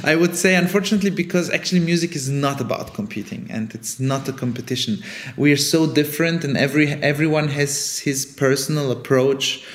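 A man's voice: on the high side, fairly quick. A man from Bulgaria whose first languages are Bulgarian and Italian, a conductor and startup founder, answering in a podcast interview in a thoughtful way, often restarting his words.

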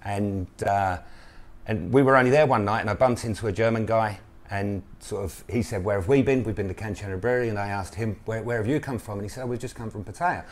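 Male interview guest, fifties, southern English accent, slightly deep voice, relaxed casual storyteller, matey. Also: fast. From Colchester, Essex, England. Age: 50s. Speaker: restaurant owner, interview guest. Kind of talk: casual chat, anecdotes. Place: restaurant pie kitchen indoors.

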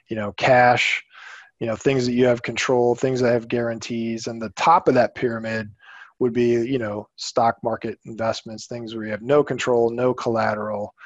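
A man co-hosting a finance podcast, explaining in a casual way, often trailing off quietly and saying "you know". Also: mid-range voice, no echo, highs cut off. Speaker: podcast co-host.

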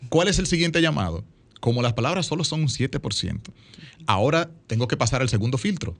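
A man's voice: medium pitch, animated, fairly quick, gravelly. A man talking as a guest in a radio studio, explaining things and acting out quoted lines in other voices. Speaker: guest speaking coach.

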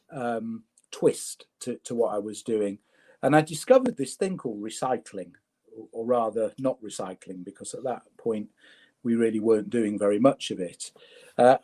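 A man's voice: mid-range voice, mellow. A man from Leeds, a guest entrepreneur, telling his career story in a wry, self-deprecating way with stammering repeats. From Leeds, England. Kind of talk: conversational storytelling.

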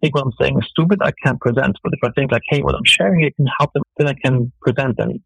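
On a radio talk show, a German-accented entrepreneur answers as a guest in an earnest, fast manner full of fillers. His medium-pitched voice is gravelly, slightly rough, and fairly bright, and the recording is rough with no echo.

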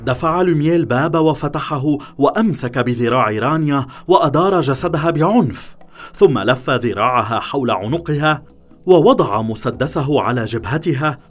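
A man doing expressive narration of a thriller audiobook. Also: mid-range voice, normal speed.

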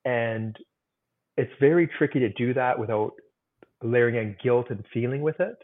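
A man's voice: medium pitch, normal speed. A man being interviewed as a guest author, explaining earnestly with simple examples and many "like"s. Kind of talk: conversational interview. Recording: tinny phone-like remote call audio.

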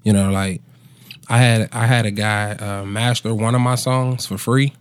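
A man's voice: on the low side, fairly even intonation, moderate pace, slight background noise. A man in his twenties, a musician chatting casually in a laid-back, slangy bro manner with plenty of swearing. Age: 20s. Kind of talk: casual conversational storytelling.

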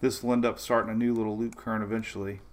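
Speaking at a racing pace, this male weather show host has a lowish voice and a flat delivery. He hosts a live weather stream where he reads chat, talks loosely about the tropics, welcomes viewers by name, and frequently laughs.

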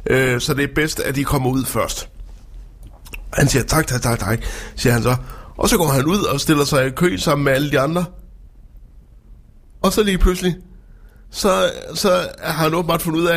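A male radio host chatting casually and telling an anecdote with frequent laughter. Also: on the high side. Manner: lively storytelling, laughs often.

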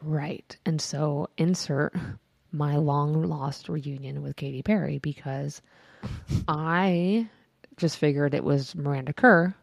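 Low, gravelly-voiced woman chatting. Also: takes it slowly, no room sound. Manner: rambling, swears casually, giggly asides. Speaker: podcast co-host. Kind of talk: casual chat.

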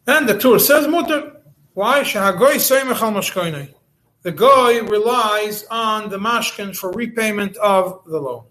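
Rabbi guy a higher voice giving a shiur, words, restarts a lot as he explains. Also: animated, unhurried, sharp tone, poor audio. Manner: explains step by step, with many restarts and Hebrew and Yiddish terms. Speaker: rabbi teaching a halacha class. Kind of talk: recorded Torah lesson.

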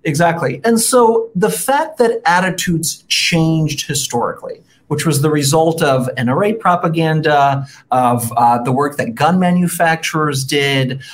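Speaking as a guest expert in a political interview, this mid-range voice stays measured. The guest cites research and keeps adding "right?" tags.

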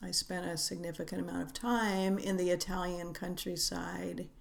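Middle-aged woman, podcast guest, unhurried musing talk, low-ish voice, gravelly fry. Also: fairly even intonation. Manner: unhurried and musing, with frequent hesitations and soft laughs. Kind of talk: reflective conversational interview.

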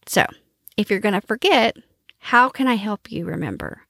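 A podcast host gives household advice in a frank, animated, casual way, cussing freely. Her mid-range voice is creaky and slightly rough at a normal speed, recorded at studio quality with no echo.

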